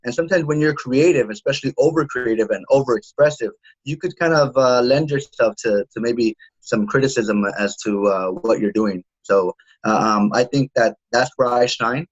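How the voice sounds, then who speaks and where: A man's voice: medium pitch, lo-fi sound. A man in his thirties talking casually as an interview guest, often restarting his sentences and filling with "uh" and "you know". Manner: halting, many restarts and fillers. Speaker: guest, home security salesman.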